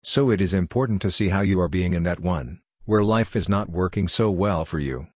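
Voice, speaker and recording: A man's voice: sits low, moderate pace, a little mellow, no echo, studio quality. A man speaking as a life coach in a reflective self-help monologue, earnest and talking straight to the listener. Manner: earnest, direct, addresses the listener.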